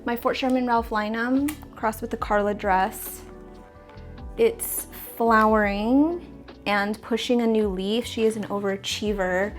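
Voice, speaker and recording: With faint music in the background, a woman with a fairly high, fairly even voice talks at a measured pace. She's a sniffly, stuffy-nosed plant vlogger reorganizing houseplants in her apartment plant room, chatting, rambling slightly and correcting herself.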